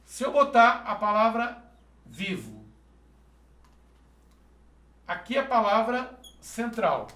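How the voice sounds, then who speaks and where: A man's voice: high-pitched, very animated, takes it slowly, long pauses, sharp tone, echoey room. A male math teacher solving exercises step by step in a video lesson, checking in with the viewer as he goes. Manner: methodical, explains step by step, asks "perfeito?".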